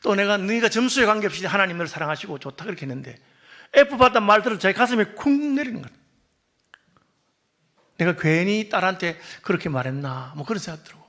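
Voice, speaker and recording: A male pastor preaching a sermon, telling a story and acting out the dialogue, often dropping to a soft, quiet voice for emphasis. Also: sits high, expressive, fast.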